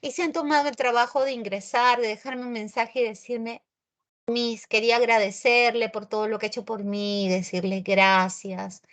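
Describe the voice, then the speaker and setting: Speaking straight to her class, a Peruvian woman teaches grammar with a Peruvian Spanish accent in a lively, talkative style. Her voice is slightly high and she talks at a normal speed.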